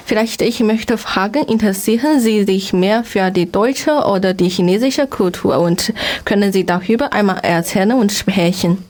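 A woman hosting a radio discussion, welcoming listeners and guests, slightly halting. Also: mid-range voice, darkish tone. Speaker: radio show host. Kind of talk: scripted radio presentation.

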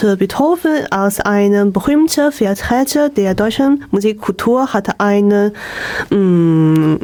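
A woman's voice: medium pitch, warm tone. A woman from China, a guest on a radio show, speaking hesitant learner's German with fillers.

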